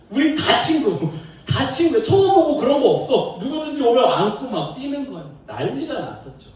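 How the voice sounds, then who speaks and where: Male pastor, middle-aged, animated storyteller, slightly high voice, roomy church sound with faint hiss. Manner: animated storytelling with laughter and acted quotes. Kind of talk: sermon. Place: church sanctuary. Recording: echoey room from far off.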